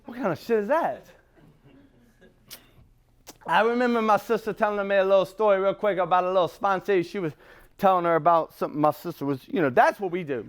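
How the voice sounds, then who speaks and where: A man giving an unscripted, profane personal share at a recovery meeting. He talks emphatically, repeats and restarts himself, and laughs between points. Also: high-pitched. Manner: rambling with restarts and repetition. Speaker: speaker sharing at a recovery meeting.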